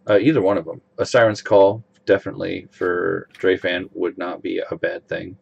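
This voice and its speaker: A man's voice: sits low, normal speed, gravelly, husky, lo-fi sound. A man casually commentating a card game over a call, explaining costs and plays. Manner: relaxed, explains mana costs.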